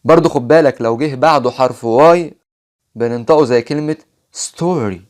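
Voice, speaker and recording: A man with an Egyptian Arabic accent teaching an English phonics lesson, patiently repeating example words slowly. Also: medium pitch, a little mellow.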